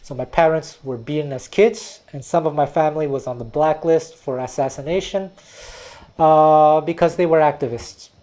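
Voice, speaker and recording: At a normal speed, a man with a slightly high, darkish voice gives a history lesson that is thoughtful and full of digressions, with frequent word restarts. The speaker, a music teacher and video host from Quebec, Canada, has Taiwanese as his native language.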